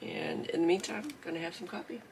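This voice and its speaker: This host of a livestreamed crafting class, a man from southeastern Michigan, talks quickly in a fairly high, creaky, somewhat mellow voice roughened by allergies. He chats casually and ramblingly ahead of the lesson, with many fillers.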